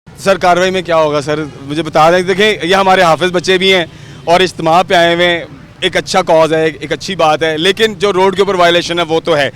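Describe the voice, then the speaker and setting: A man's voice: fairly high pitch, fairly even intonation, fairly quick, fairly bright tone, clean tone. A man with a Pakistani Urdu accent reporting from a city roadside, firing pressing questions at people. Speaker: street reporter. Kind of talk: on-the-street news report. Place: roadside outdoors in city traffic. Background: traffic.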